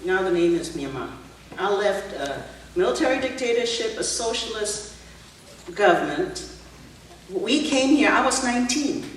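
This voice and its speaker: A Burmese woman in her sixties from Burma, a political candidate, answers at a candidate forum in a museum event hall. Her mid-range voice is expressive and a little slow, and she uses anecdotes, laughing asides and rhetorical questions. The echoey hall is recorded with a distant mic and background noise.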